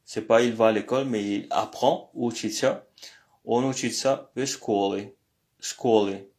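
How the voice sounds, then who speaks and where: Man, language teacher, slow, hesitant, frequent fillers, screen lesson. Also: medium pitch, fairly even intonation, a little mellow. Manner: slow and hesitant, many pauses and "euh".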